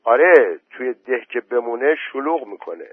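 A man's voice: mid-range voice, very animated, breathy edge, dry recording, voice pushed up. A man voicing a practical village man who coaxes and gives firm orders. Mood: coaxing. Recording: tinny phone-like voice message.

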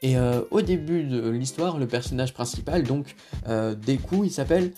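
A man's voice: medium pitch, normal speed, mellow, soft background music. A man with a French accent hosting a casual film review podcast, talking hesitantly with many fillers and restarts. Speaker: podcast host.

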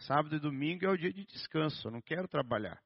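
A man with a Brazilian Portuguese accent preaching a sermon in a conversational way, with joking asides and a slow, stressed reading of scripture. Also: a little high, lively intonation, dry recording. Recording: dull, dry lo-fi sound.

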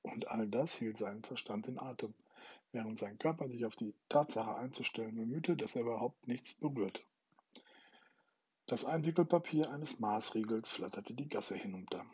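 A man's voice: mid-range voice, a little mellow, breathy edge, dull audio. A man hosting his own podcast, chatting informally with many fillers before reading a novel aloud. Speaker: podcast host and reader.

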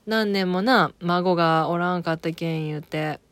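A woman's voice: fairly low pitch, a little slow, no room sound. A woman with an Okayama accent chatting casually about a TV drama, rambling with many fillers and self-corrections. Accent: Okayama dialect of Japanese. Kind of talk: casual spoken recap of a TV drama.

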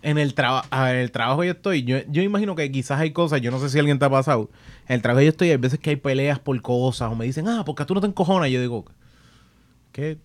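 A young man hosting a podcast in casual chat, telling stories with lively, slangy speech and easy swearing. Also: mid-range voice, quick pace, no room sound. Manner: animated storyteller, slangy and swearing freely. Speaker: podcast host.

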